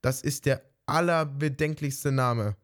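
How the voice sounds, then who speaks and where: A man's voice: medium pitch, measured pace, natural voice. A man voicing a good-natured, trusting female mouse who wonders earnestly in a fairy-tale reading. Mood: puzzled.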